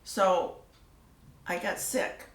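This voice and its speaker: An older woman telling her story in a casual interview, soft-spoken and trailing off into near-whispers. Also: fairly low pitch, fairly even intonation, extremely slow. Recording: echoey room, mic at a distance, faint ambience.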